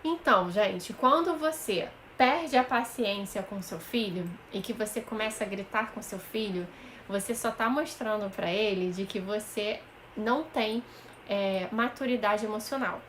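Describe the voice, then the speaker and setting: A woman's voice: mid-range voice, measured pace, fairly bright tone, slight background noise. A woman with a Brazilian Portuguese accent, a child psychologist on a live stream, patiently explaining practical parenting tips and often checking in with her viewers. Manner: addresses viewers directly, often checks in with "right?". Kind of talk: live stream advice talk.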